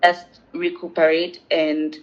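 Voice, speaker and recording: Low-pitched and slow, with a flat delivery, a young woman from Zambia responds to an interviewer with earnest reflection. She is a feminist advocate, and the lo-fi recording sounds dull.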